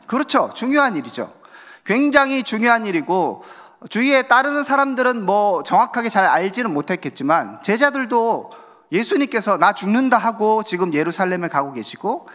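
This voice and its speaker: Lively high-voiced male pastor preaching. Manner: lively preaching with rhetorical questions, acts out crowd voices. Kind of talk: sermon. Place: church sanctuary. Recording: long church hall reverb.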